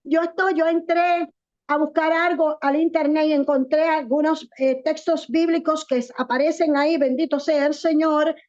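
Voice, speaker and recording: High-voiced woman pastor preaching. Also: fairly even intonation, darkish tone. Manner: earnest preaching with rhetorical questions and slow emphatic stresses. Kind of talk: sermon. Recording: dull lo-fi recording.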